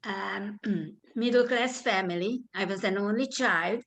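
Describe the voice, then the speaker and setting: An older woman from Hungary giving her testimony as a survivor, speaking hesitantly with fillers and throat clearing over a video call. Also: medium pitch, unhurried, a bit bright, low-quality recording. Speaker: Holocaust survivor guest. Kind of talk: spoken testimony in conversation.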